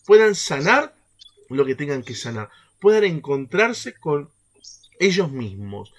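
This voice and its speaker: Lively man leading a faith workshop. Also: fairly high pitch, slow. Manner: animated, keeps checking in with the group through rhetorical questions. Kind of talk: teaching a catechesis workshop.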